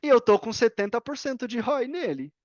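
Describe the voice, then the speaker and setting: Her voice fairly high and a little mellow, a Brazilian affiliate marketer guests on a podcast, speaking Portuguese briskly with lively intonation in a dry, lo-fi recording. She's opinionated, explaining casually yet emphatically, using examples, asking herself questions, and driving key points home repeatedly.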